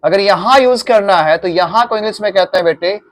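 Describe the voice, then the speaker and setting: A man's voice: sits high, fairly quick. A man teaching English to pupils in a classroom, mixing Hindi and English and having them repeat after him. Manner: drills pupils with call-and-repeat questions.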